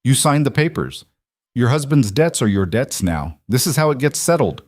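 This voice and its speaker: A man's voice: mid-range voice, lively intonation, moderate pace, darkish tone, no echo, voice pushed up, natural voice. A man doing an evasive, indifferent frontier sheriff. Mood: dismissive.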